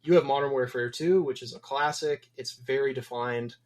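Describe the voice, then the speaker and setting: In a casual podcast interview, a male game developer from Wisconsin speaks at normal speed in a mid-range, slightly mellow voice. His delivery is thoughtful and meandering, peppered with ums.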